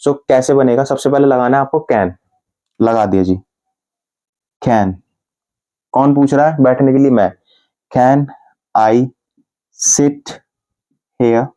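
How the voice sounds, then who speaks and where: Mellow-voiced man teaching English grammar. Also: mid-range voice, moderate pace, pauses often, muffled recording. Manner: explains step by step, switches between Hindi and English. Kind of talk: casual Hindi-English grammar lesson.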